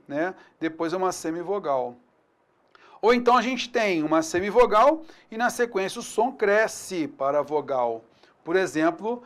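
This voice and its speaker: A man with a Brazilian accent teaching grammar in a recorded online lesson. He talks to the class in an upbeat, informal way and keeps checking in with slang. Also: sits high. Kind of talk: recorded online lesson, explaining over slides.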